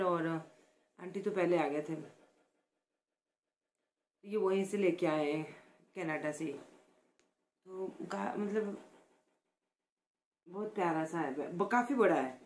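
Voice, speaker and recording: A woman from Himachal Pradesh chats softly and warmly to her viewers in a casual vlog, piling on praise for each thing she shows. Her voice sits a little low, and she keeps her talk quiet and close. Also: slight background noise. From Himachal Pradesh, India. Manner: chatty and affectionate, repeats words of praise; speaks softly, close to the mic. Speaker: vlogger. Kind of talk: casual vlog, showing gifts.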